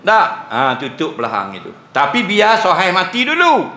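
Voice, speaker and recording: A man's voice: high-pitched, wildly swooping pitch, moderate pace, pushed and bright. A man with a Terengganu Malay accent gives an evening religious lecture as a teacher, joking and teasing his audience and laughing often. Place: village prayer hall. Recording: echoey hall with faint ambience.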